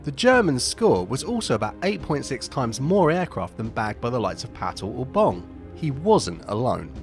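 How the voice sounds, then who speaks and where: A man's voice: medium pitch, sing-song, normal speed, soft background music. A man narrating an aviation history video as a scripted voice-over, with wry, jokey asides between the statistics.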